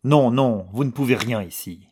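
A man voicing a proud, distraught noble widow who wails and sobs out her grievances in high-strung outbursts. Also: moderate pace, darkish tone, husky, close to an everyday voice. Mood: agitated.

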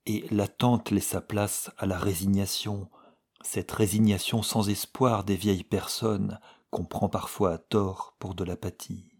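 A man reads a story aloud in an audiobook, grave and measured. His voice is low and husky, and he takes his time over every line. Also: level tone, a little mellow. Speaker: narrator. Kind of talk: audiobook reading.

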